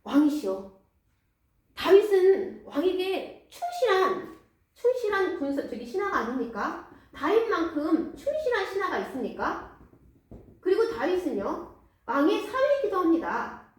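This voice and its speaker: A woman's voice: extremely high pitch, sing-song, unhurried, pitched above the performer's own voice, heavily acted. A woman acting out an older male priest who pleads his innocence to a king. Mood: pleading. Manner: earnest, insistent appeals. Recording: echoey church hall, mic far off.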